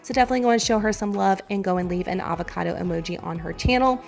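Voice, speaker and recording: A woman's voice: medium pitch, very fast, creaky, darkish tone, faint music behind. A woman with a Southern US accent chatting through a casual cooking voiceover, enthusiastic and direct, her voice congested and giving out. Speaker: home cooking vlogger. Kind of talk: casual meal prep voiceover.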